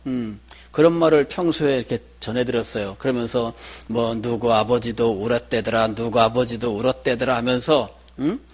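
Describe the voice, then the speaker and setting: A man's voice: medium pitch, steady tone, normal speed. A middle-aged man preaching a sermon as pastor, telling a personal story in a conversational way and asking the congregation questions.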